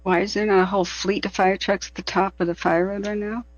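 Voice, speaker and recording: A man with a notably high voice talks casually as a livestream host. The sound is slightly dull and lo-fi, and the commentary is loose and unscripted. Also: little pitch movement, fast, no echo. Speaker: livestream host monitoring fire scanners.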